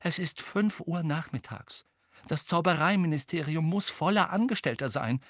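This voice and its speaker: A man voicing an anxious, clever teenage schoolgirl who pleads and argues in a high, fretful voice. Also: normal speed, a bit bright, no room sound, clean studio sound. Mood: worried.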